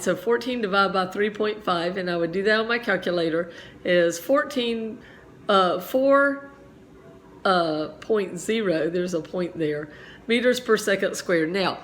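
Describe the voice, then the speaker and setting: A middle-aged woman teaching physics at a steady middle pitch, walking through each problem step by step. She talks in a chatty way and makes little asides. Now and then she coughs a bit. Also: slight background noise. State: slight cough. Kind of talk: homeschool physics lesson.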